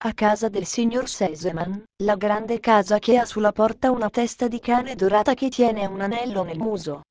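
A woman's voice: medium pitch, moderate pace, crowd noise, lightly acted. A woman voicing an earnest young girl in a storybook reading.

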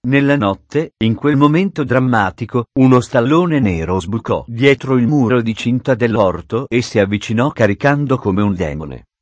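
A man narrating an adventure storybook in a steady, dramatic reading on a close studio microphone. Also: mid-range voice, normal speed, no room sound, highs cut off. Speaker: audiobook narrator.

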